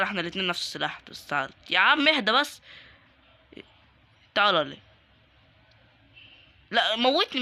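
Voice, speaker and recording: A young man with an Egyptian Arabic accent commentating his game, excitable and joking as he taunts other players. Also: high-pitched. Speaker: gaming YouTuber. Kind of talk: live Roblox gameplay commentary.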